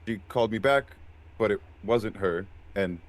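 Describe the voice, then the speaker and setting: A man's voice: fairly low pitch, moderate pace. A man playing a tabletop game, hesitant and stammering as he speaks in character. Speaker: player. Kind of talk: casual tabletop role-play.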